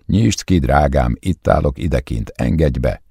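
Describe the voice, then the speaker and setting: A man playing a fervent, shouting preacher-husband. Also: rumbling low, lively intonation, creaky, slightly rough, dry recording, clean studio sound, exaggerated voice. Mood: pleading. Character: desperate pleading pentecostal husband, fervent.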